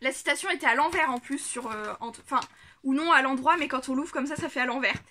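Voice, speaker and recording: A woman vlogger chatting casually to a camera on a tripod, giggling often and filling pauses with lots of hesitations. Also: high voice, bright, forceful tone. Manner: chatty, giggly, many fillers. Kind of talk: casual unboxing chat.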